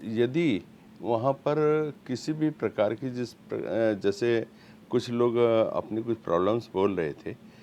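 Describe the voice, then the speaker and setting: A man speaking as a guest on a news panel, hesitant with frequent fillers and pauses. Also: medium pitch, darkish tone, slight background noise. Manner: slow, hesitant, many fillers. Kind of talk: panel debate statement.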